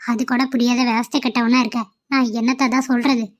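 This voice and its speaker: A woman's voice: fairly high pitch, little pitch movement, brisk. A woman voicing the characters in a cartoon drama, talking with emotion and pleading. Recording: muffled lo-fi audio.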